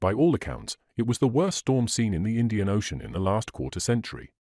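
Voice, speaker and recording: A man playing a stern gentleman investor in his fifties, gruff and indignant, in a storybook reading. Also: fairly low pitch, sing-song, a little fast, no room sound, clean studio sound. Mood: defensive.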